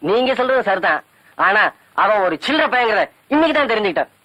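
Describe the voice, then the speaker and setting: An actor playing an eager village gossip who carries tales in film comedy dialogue. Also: male voice, sits high, sing-song, normal speed, sharp tone, exaggerated voice. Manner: eager, tattling.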